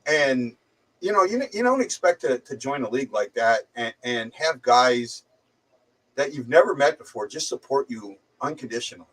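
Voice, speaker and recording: A man of middle pitch talks loosely through a muffled, speakerphone-like sound, as if the mic sits some way off. He has a slight head cold. He rambles and often repeats himself as he hosts a casual chat. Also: lively intonation, moderate pace, a bit bright, recorded from a distance. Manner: rambling, hesitant, stumbling repeats. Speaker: livestream host.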